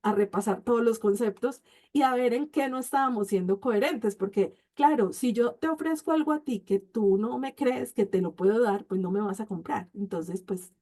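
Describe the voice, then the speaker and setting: A woman's voice: mid-range voice, brisk, mellow. A middle-aged woman, a life coach telling a personal story to her online group in a casual, chatty way and often checking in with "¿sí?".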